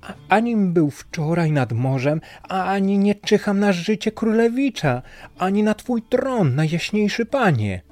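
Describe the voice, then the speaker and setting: A man's voice: high voice, lively intonation, unhurried, a little mellow, no room sound, voice pushed up. A man voicing a young male rider in a storybook, pleading his innocence in a raised, strained voice. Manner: desperate, pleading.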